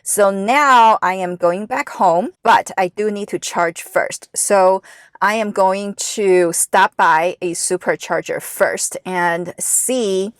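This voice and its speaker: Woman from Taiwan, first language chinese, car vlogger talking slowly through settings, dry close sound. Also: medium pitch, no room sound. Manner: chatty and explanatory, walking viewers through steps. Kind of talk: casual vlog narration. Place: inside her car.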